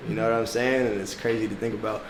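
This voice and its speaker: Here a young man from South Florida, United States, whose native language is Portuguese, speaks at a quick pace in a lowish voice with flat delivery. He's a music artist in a relaxed interview chat, using slang and laughing frequently, recorded in an echoey room with background noise.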